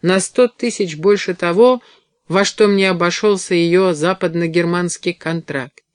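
A man's voice: high voice, unhurried, smooth, no echo, studio quality. Man voicing a scornful woman agent. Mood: bitter. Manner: snapping, scornful. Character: furious sharp-tongued woman talent agent. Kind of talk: audiobook reading.

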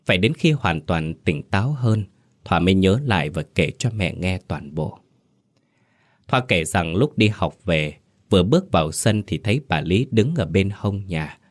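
Deep-voiced male ghost story narrator. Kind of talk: scripted horror story narration.

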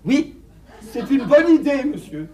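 A plodding, polite manservant. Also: male voice, very high-pitched, sing-song, unhurried, a crowd in the background, noisy background, exaggerated voice. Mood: deferential. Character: deferential male servant. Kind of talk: filmed stage farce acting.

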